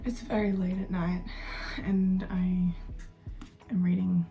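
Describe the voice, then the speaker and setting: A young woman recording a late-night reading vlog in her bedroom on her phone. She talks in a hushed, often half-whispered voice and gushes emotionally about the book. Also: on the low side, flat delivery, slow pace, soft background music, rough recording. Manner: gushing and emotional. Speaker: book vlogger.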